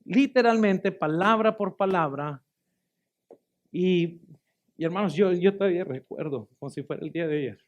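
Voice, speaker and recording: A male pastor preaches a testimony sermon, with a voice pitched a little above the usual man's. He tells his story with emphasis, calls his listeners brothers, and doubles back on phrases to stress them. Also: normal speed, pauses often. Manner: repeats and restarts phrases for emphasis.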